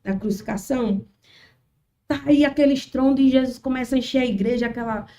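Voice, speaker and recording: Animated woman, distant mic. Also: sits high, quick pace. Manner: animated storytelling, acts out quotes. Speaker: guest, children's ministry worker. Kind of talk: testimony in casual chat.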